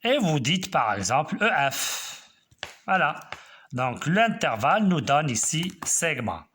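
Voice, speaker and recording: A man teaching a math class, walking students through each step and checking they follow. His pitch sits a little high and swings widely. He speaks slowly with a bright, forceful tone. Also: very animated, slight background noise.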